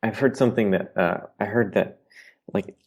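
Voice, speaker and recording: A man with a very deep voice appears as a podcast guest, speaking at normal speed. He's an artist who reflects thoughtfully in casual conversation, earnest and philosophical in manner.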